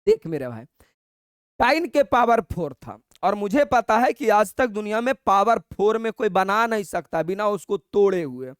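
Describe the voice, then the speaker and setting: A man's high, smooth and clear voice carries a sing-song quality as he runs an exam-prep maths class. Coaxing and colloquial, he calls the students brother and dictates steps slowly, repeating each; the sound is close to the mic with no echo.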